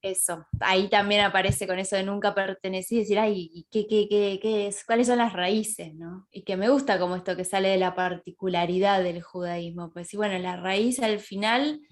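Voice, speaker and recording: A woman's voice: medium pitch, fairly even intonation, normal speed, few pauses. A woman from Mexico, a panel guest recalling her childhood, searching for words with many fillers. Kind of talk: casual personal recollection.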